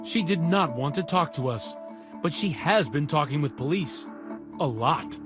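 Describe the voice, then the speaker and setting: A man narrates a crime news segment in a measured, dramatic scripted style. His voice sits slightly high. A music bed plays clearly beneath him. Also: expressive.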